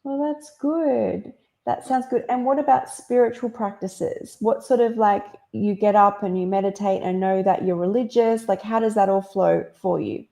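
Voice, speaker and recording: Mellow-voiced supportive female host. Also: medium pitch, steady tone, moderate pace, gravelly. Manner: supportive, affirming, asks open questions. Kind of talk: casual interview chat.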